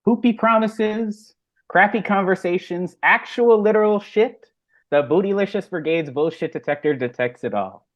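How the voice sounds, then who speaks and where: A woman on a video call giving a playful, crude mock commercial pitch for her team's product. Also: moderate pace, highs cut off. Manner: playful, crude humor, salesy.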